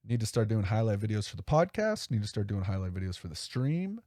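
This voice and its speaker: Male podcast host with a low, mellow voice, dry sound; rambles and corrects himself, upbeat. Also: sing-song, fast talker, no room sound. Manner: rambling, self-correcting, enthusiastic. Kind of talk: casual solo podcast talk.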